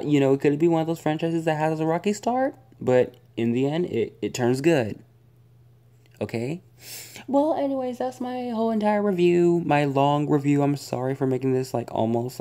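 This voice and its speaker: Young woman, casual review vlog, low voice, swooping animated delivery, rambling, exasperated groans. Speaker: vlogger. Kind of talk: casual spoken movie review.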